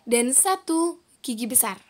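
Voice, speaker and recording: A woman's voice: fairly high pitch, lively intonation, measured pace, a little mellow. A woman teaching a recorded online lesson, patiently modeling pronunciation and saying each word twice. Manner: patient, explanatory, addressing students as friends. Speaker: Arabic teacher.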